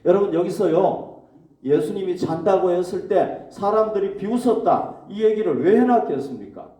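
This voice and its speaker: A man preaches a sermon in a slightly high but mellow voice, putting questions to his congregation and answering them himself. He is recorded from a distance in an echoey church hall. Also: expressive, moderate pace. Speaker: pastor.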